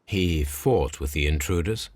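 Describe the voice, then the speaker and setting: Deep-voiced Sherlock Holmes, English gentleman detective. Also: no room sound. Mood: probing, composed. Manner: formal, courteous, measured. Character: composed, probing male Victorian gentleman detective. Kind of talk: video game cutscene acting.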